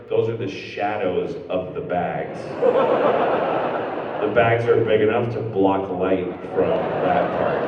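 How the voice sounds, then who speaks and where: A man in his fifties doing a stand-up set, talking in a deadpan, profane, conversational way on a theater stage. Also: on the low side, lo-fi sound, very noisy. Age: 50s. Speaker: stand-up comedian. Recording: far-off echoey hall recording. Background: audience ambience.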